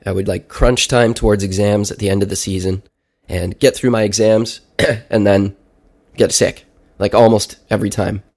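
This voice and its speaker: A man's voice: on the low side, steady tone, moderate pace, a little mellow. Congested man, nose sounding pinched shut. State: sick with a stuffy head cold. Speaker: podcast segment host. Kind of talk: casual personal audio diary.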